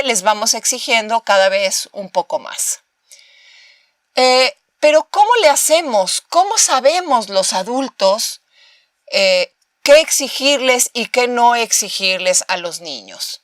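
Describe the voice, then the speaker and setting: A woman's fairly high, slightly bright voice carries this recorded master class lecture at a university, where her Mexican Spanish accent is clear. Rhetorical questions and short acted-out examples of baby talk fill her explanation, recorded dry at studio quality.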